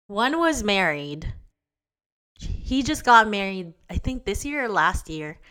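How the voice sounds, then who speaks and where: A woman in her twenties hosts her own podcast, chatting candidly in a casual confessional style, swearing, using lots of slang, laughing at herself, and addressing listeners as "guys." Her mid-range voice is pushed, bright, and smooth.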